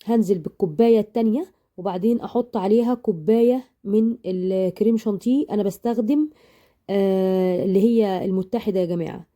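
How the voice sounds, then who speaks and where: A woman with an Egyptian accent, still a little hoarse from illness, chatting affectionately while teaching a baking tutorial. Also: medium pitch, fairly quick, mellow. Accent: Egyptian Arabic. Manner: chatty and affectionate, rambling asides. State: hoarse after sinus illness. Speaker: baking channel host. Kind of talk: casual cooking tutorial.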